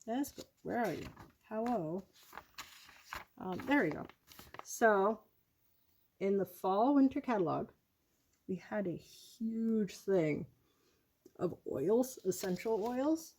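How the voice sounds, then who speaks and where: Slow, rambling woman vlogger. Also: mid-range voice, expressive, darkish tone, breathy edge. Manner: rambling, self-correcting, lots of ums. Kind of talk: casual product chat.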